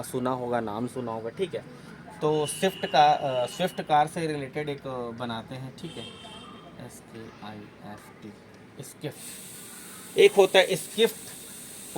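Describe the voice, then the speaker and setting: A man teaching an exam-prep lesson in a fairly high voice, walking through each point slowly and repeating himself. He keeps checking in with his students as he goes. A faint hiss sits under the recording. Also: poor audio. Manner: explains step by step, often repeating and checking with "okay".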